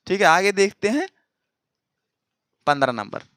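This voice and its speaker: A man's voice: high voice, big pitch swings, measured pace, fairly bright tone, clean tone, no room sound. A man teaching an exam-prep Hindi grammar lesson, repeating points and often checking that students follow. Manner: repetitive, checks understanding often. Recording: dry close recording.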